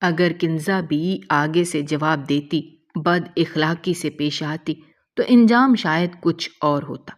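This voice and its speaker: A woman narrating an emotional family story in a measured, moralizing way. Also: deep voice.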